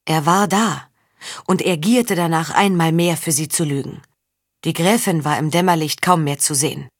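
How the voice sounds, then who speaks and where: A woman narrating a fantasy novel in a measured, even storytelling manner. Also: sits low, breathy edge, dry recording, clean studio sound. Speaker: audiobook narrator. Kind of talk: scripted narration.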